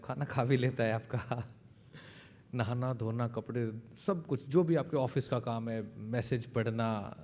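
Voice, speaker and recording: Male invited speaker, storytelling speech, slightly high voice for a man, stage mic in an event hall. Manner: storytelling, grows loud when acting out the scene. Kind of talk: public speech with a told anecdote.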